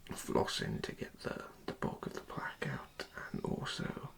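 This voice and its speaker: Someone performs an ASMR dentist roleplay, giving instructions in a breathy whisper with creaky edges. The delivery is soft, hesitant and unhurried.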